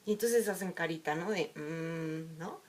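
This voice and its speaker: A woman's voice: on the high side, unhurried. A woman giving a reflective talk, telling a story and acting out the quoted lines. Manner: storytelling, animated with acted quotes. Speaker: emotional wellbeing speaker.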